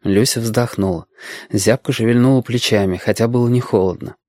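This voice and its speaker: In a clean, dry studio recording, a male audiobook narrator reads at medium pitch, telling the story calmly and with measured pacing.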